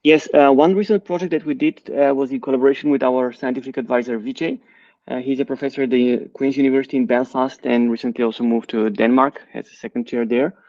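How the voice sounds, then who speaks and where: A middle-aged man from Bulgaria, a company CEO and co-founder, answering interview questions in a measured, explanatory way with frequent fillers. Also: mid-range voice, fairly even intonation, a little mellow, no room sound. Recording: dry, slightly dull sound.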